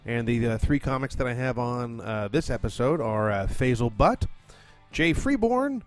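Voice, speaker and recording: A man's voice: mid-range voice, animated, normal speed, soft background music. A man hosting and producing a comedy podcast from his condo, rambling casually with lots of fillers and swearing. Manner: chatty, profane, rambling with many fillers. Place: condo at home.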